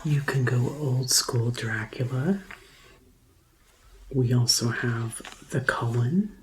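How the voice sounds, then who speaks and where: An ASMR performer plays a receptionist for vampire conversions, speaking softly and often slipping into a whisper. Her voice is very low for a woman, and her slow, gentle, deliberate customer-service delivery lingers on each phrase. The recording is rough, with a faint hiss beneath it.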